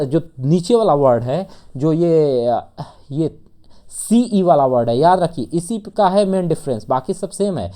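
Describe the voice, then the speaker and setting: A woman teaching English vocabulary for exams in Hindi, repeating each word slowly and asking rhetorical questions. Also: fairly low pitch, warm tone. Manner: repeats words slowly, drills pronunciation, asks rhetorical questions. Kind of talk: exam vocabulary lesson.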